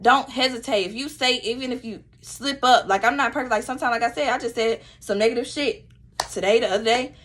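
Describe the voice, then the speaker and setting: A woman's voice: a little high, fast talker, fairly bright tone. Blunt, profane woman vlogger. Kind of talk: casual motivational talk to camera.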